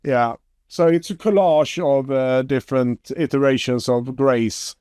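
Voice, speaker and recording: A man with a stuffy nasal voice from a cold, chatting casually as a show host with frequent ums and pauses. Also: mid-range voice, darkish tone, smooth, no echo, studio quality. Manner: hesitant, many ums and uhs. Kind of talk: casual chat.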